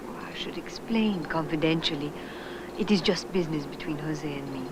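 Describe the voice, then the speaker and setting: An actress playing a flirtatious, teasing singer who talks coyly. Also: female voice, deep voice, moderate pace, noisy background, natural voice. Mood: flirty. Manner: coquettish, teasing. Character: flirtatious singer, coy and playful. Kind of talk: film acting. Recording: film soundtrack with music.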